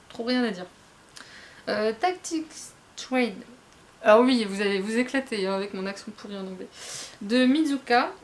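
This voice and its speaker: Speaking at medium pitch over slight background noise, a woman rambles casually through a manga review. This book blogger often hesitates and self-corrects, addressing viewers head-on with candid side comments in a chatty way.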